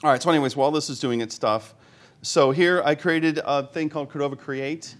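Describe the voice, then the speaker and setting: A man's voice: a little high, fairly quick. Joking man giving a live tech demo. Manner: joking, self-deprecating, thinks aloud while demoing. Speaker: conference speaker. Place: conference hall with live audience.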